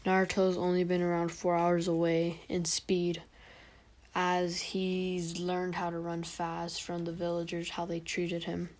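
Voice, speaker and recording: A young woman improvising a fan story aloud. Her telling is rambling and halting, with many fillers. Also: on the low side, completely flat delivery, darkish tone.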